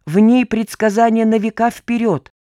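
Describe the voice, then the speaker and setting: A woman reading an audiobook voices a frail, self-important old man in a weak, trembling voice, raised in pitch and full of dramatic pauses. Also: fairly even intonation, warm tone, no room sound, clean studio sound, natural voice. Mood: conspiratorial. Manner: high, quavering, dramatic pauses. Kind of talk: audiobook character voice.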